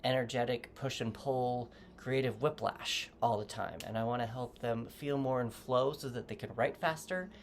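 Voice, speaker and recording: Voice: mid-range voice, moderate pace, creaky, few pauses, a little hiss or hum. A tarot reader giving a casual reading to camera, loose and rambling, often correcting themself while advising the viewer directly. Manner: gently advising, speaking straight to the viewer.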